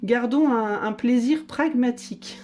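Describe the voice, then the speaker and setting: A woman's voice: a little high, unhurried, darkish tone, slight background noise. A woman giving a casual tarot reading in a playful, chatty way, teasing her listeners and laughing often. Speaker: tarot card reader.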